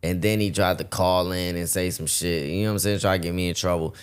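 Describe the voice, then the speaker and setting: A man hosting a podcast, telling stories in a loose, profane, animated way, his voice worn down today. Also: low-pitched, fast talker, clean tone. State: losing his voice. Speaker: podcast host. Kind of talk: casual storytelling chat.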